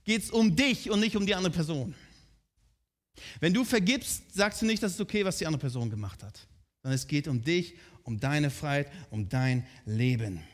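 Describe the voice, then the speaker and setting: A man's voice: a little high, expressive, normal speed. A man preaching a sermon in a conversational way, often asking his listeners direct questions.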